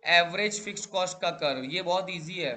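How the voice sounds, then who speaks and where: Bright-voiced male teacher quizzing students. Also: high-pitched, normal speed. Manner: drills students with repeated questions, calls them beta. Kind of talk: classroom lecture.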